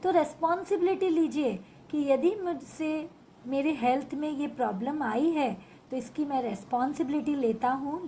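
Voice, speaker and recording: A woman's voice: high voice, dark tone, a little hiss or hum. A woman leading a guided healing meditation, speaking in a soothing, heartfelt way and repeating affirmations. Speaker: session leader.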